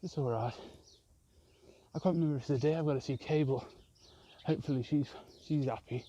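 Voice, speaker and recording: A man's voice: medium pitch, a little fast, warm tone, highs cut off, a little hiss or hum. A man rambling and swearing constantly as he films a vlog on a walk outdoors in a park with his phone. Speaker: vlogger. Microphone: handheld phone camera.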